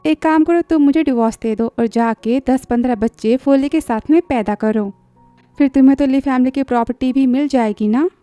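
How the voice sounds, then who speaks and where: A woman voicing a feisty, sharp-tongued young wife in a dubbed drama recap, talking in a teasing, defiant way. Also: sits high, fairly quick, dry recording, soft background music, lightly acted.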